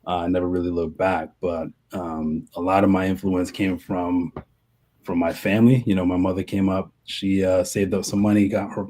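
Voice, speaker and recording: A man from Connecticut talks through his story as an interview guest, relaxed and easygoing. His voice sits very low and sounds dark and mellow. He is heard over a video call. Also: normal speed. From Connecticut, USA. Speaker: guest, brewer. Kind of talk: casual interview.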